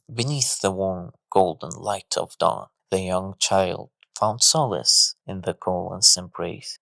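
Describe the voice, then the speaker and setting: Sex: man. Role: storyteller. Style: scripted narration, solemn and measured. Pitch: low. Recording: dry, close. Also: vocal fry, a bit bright, no echo.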